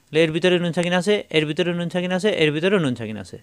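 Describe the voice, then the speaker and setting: A male Quran teacher giving a patient step-by-step recitation lesson, slowly repeating each syllable for his learners. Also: high-pitched, animated, clean tone, no room sound.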